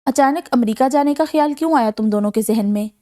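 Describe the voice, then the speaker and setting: A man's voice: very high-pitched, dark tone. A woman voicing a concerned older uncle from a novel, questioning and worried.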